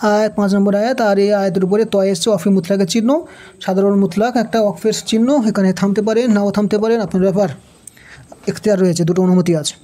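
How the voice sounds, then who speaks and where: A man teaching Quran reading in a Bangladeshi Bengali accent, spelling out letters and vowel marks slowly and then chanting the verses. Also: high voice, steady tone, dark tone. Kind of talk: Quran recitation lesson.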